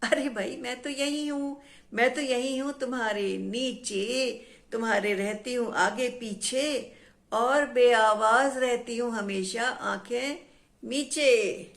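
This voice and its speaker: A woman voicing a calm, gentle female shadow in a children's story who speaks softly and evenly in rhyme. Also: on the high side, slow pace, vocal fry. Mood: teasing. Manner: soft, even, rhyming speech.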